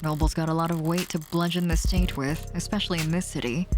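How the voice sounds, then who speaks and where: Streamer reading a guarded young woman, dry and flat, low-ish voice. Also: brisk, close to an everyday voice. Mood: cool, guarded. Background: game music.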